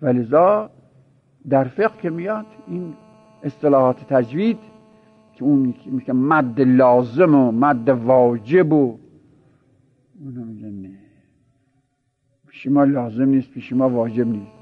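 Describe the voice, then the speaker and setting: A man's voice: mid-range voice, long pauses. Male religious teacher, mid-range voice, conversational lecture with chuckled anecdotes, dull lo-fi recording. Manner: conversational, explaining with repeated examples. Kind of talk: informal seminary lecture.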